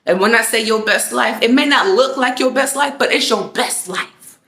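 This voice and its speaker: A woman's voice: a little high, moderate pace, gravelly, sharp tone, reverberant, slight background noise. A woman vlogger delivering a casual motivational rant, emphatic and slangy, repeating her phrases for effect.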